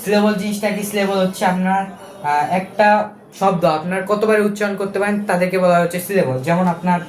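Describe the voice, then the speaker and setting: A man's voice: sits high, steady tone, fast talker, reverberant, a little hiss or hum, poor audio. A man giving a casual video lesson, chatty and correcting himself as he goes. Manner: chatty, self-correcting, with fillers. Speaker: teacher.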